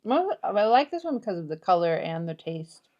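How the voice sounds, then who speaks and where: A woman's voice: medium pitch, big pitch swings, normal speed, a little mellow, muffled recording. A young woman, the host's daughter, chatting playfully as a guest and repeating phrases for fun. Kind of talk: casual chat.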